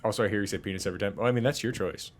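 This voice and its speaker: A man's voice: fairly low pitch, rapid-fire, a little hiss or hum. Joking man rambling through a game. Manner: joking, rambling asides to viewers. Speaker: gaming streamer. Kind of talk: casual let's-play commentary.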